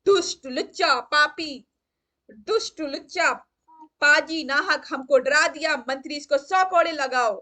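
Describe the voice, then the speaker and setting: A woman's voice: high-pitched, normal speed, hardly any pauses. A woman playing a hot-headed foolish king. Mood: angry. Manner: shouting insults and orders. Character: foolish, hot-tempered king of a stage farce.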